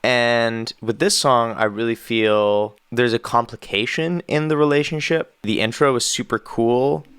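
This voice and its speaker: A man's voice: mid-range voice, fairly even intonation, a little slow, hardly any pauses, a bit bright, clean tone, dry recording. Man, Canadian accent, casual reaction commentary, enthusiastic and rambling, dry close sound. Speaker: musician reacting to an album.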